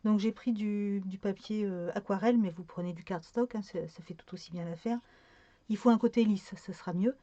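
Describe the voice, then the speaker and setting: A woman's voice: medium pitch, fairly quick, mellow, no echo, dull audio. A woman talking through a card-making tutorial in a casual, hesitant way, with many fillers and self-corrections.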